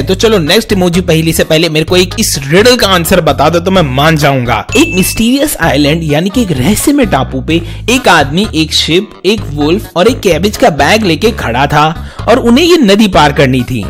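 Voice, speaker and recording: A man hosting a casual riddle quiz, chatty and coaxing, talking straight to his viewers like friends. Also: high-pitched. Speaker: YouTube quiz host.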